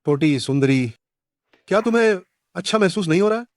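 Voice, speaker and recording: A man's voice: high voice, animated, brisk, dry recording, studio quality. A man voicing a sleazy, leering young creep with an oily way of talking.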